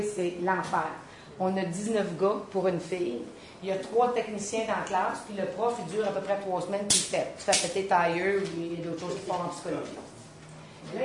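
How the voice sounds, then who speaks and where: A woman with a Quebec French accent giving a humorous storytelling talk to an audience. She is animated, acts out the voices she quotes and laughs often. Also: fairly low pitch, a little hiss or hum. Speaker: speaker, special education trainer. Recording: echoey hall, mic at a distance.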